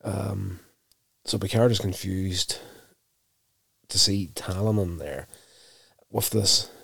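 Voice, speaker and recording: A man casually recapping a TV episode, telling it in an unhurried, self-correcting way. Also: low voice, steady tone, vocal fry, fairly bright tone, breathy edge, no echo.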